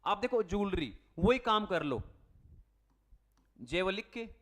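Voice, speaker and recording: An English teacher runs a spelling lesson for exam students, spelling words letter by letter and asking his class questions he then answers himself. His fairly high, fairly bright voice swings widely in pitch as he goes slowly, coaching in a friendly way and calling students "beta" and "bhai."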